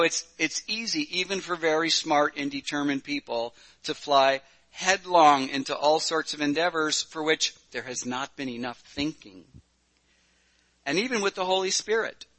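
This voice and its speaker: Bright-voiced male preacher. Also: a little high, rough recording. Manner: plain-spoken, self-deprecating with hesitant fillers. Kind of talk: sermon with story reading.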